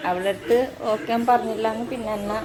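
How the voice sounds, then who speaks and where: A woman's voice: a little high, fairly even intonation, a little fast. A young woman, a mother, chatting casually to her viewers as she films a home vlog on her phone. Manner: chatty, talks to viewers as "guys". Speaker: vlogger and mother. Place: home and car, indoors. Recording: echoey room with clear background noise.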